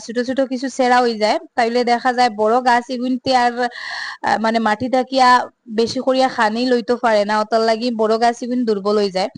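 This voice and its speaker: A young woman with a Sylheti accent, chatting casually through her home vlog and filling pauses with little hesitation sounds. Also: on the high side. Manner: chatty, mixes Sylheti and standard Bengali, many filler sounds. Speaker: home vlogger.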